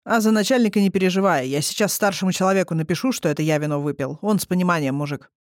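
A reader voicing a drunken, boastful male demon lord who talks slowly and bossily. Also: medium pitch, no room sound, studio quality, natural voice. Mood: easygoing. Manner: commanding, slurred and slow. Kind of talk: audiobook character reading.

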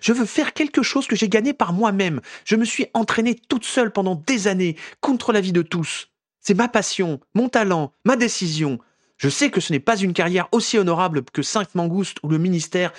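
Field: story. Figure: a man voicing a fiery defiant young witch, raised pitch, animated. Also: moderate pace. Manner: raised, passionate, insistent delivery.

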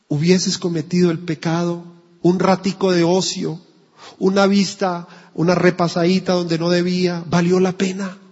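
Preacher guy, high husky voice, emphatic, echoey church, kinda muffled. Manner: emphatic, pleading, storytelling. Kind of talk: sermon. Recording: dull echoey church recording.

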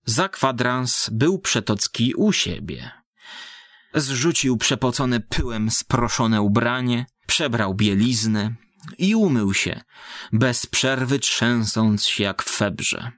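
A man reading a literary story aloud in measured, dramatic narration, voicing the characters. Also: medium pitch, lively intonation, a bit bright, no echo, clean studio sound.

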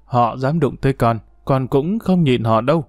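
A man voicing a sulky, defiant seventeen-year-old girl in a read-aloud story, talking back in a sharp, dismissive way. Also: medium pitch, moderate pace, dry recording, studio quality, faint music behind, close to an everyday voice.

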